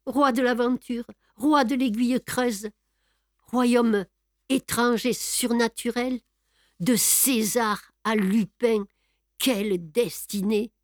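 Lupin, a woman doing a swaggering gentleman thief. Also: fairly high pitch, steady tone, slow, no echo, clean studio sound. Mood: grandiose. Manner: grandiose, boastful, then hushed and tender. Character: suave proud male gentleman thief. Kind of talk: audiobook reading.

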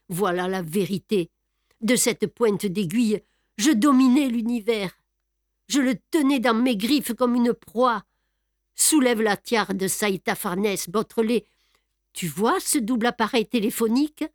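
A woman reading aloud and voicing a proud, boastful male gentleman thief in a storybook. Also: medium pitch, no room sound, clean studio sound. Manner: grandiose, boastful, then hushed and tender. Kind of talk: audiobook reading.

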